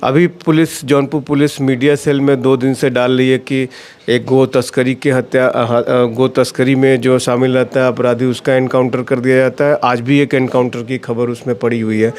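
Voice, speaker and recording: A man's voice: mid-range voice, moderate pace. Man reporting from the field. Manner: probing, steady questioning. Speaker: local news reporter.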